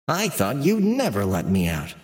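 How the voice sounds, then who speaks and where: A man's voice: medium pitch, huge pitch swings, moderate pace, voice pushed up. A man voicing a small, cheerful and naive male training robot in a storybook reading; guileless and chatty, catching himself when he says too much. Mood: cheerful, innocent. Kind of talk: storybook narration with voiced characters.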